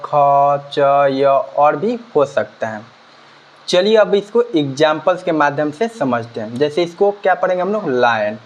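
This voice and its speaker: A man teaching a grammar lesson, asking and answering his own questions and repeating key words. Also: a little high. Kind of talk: grammar lesson explaining examples. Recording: slightly dull lo-fi recording.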